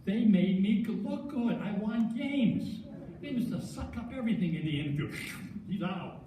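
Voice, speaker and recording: Older male inductee, stuttering speech with restarts, mellow voice, booming echoey hall. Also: lively intonation, slight background noise. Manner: stutters, halting restarts and self-deprecating humor. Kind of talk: acceptance speech. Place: large hall with long echo. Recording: echoey hall, distant mic.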